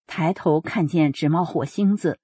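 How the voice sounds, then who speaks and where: Woman narrator, husky tone, dry close sound, earnest first-person storytelling. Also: low voice, measured pace, dry recording. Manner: steady, earnest storytelling with quoted dialogue. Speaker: reader of a personal account.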